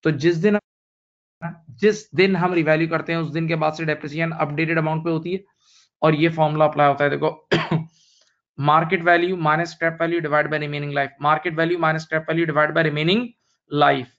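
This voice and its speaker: A man's voice: fairly high pitch, steady tone, moderate pace, fairly bright tone. Man teaching accounting, repeating each step. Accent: Indian English. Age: 30s. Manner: repeats key points, addresses students as beta, mixes English terms into Hindi. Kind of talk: recorded online lecture. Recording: dull lo-fi lecture recording.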